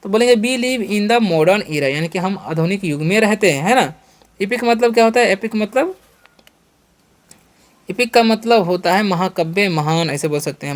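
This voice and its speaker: Teaching English words, this man with an Indian accent goes over every question and answer twice and reads sample sentences at a deliberate, unhurried pace. His voice is on the high side.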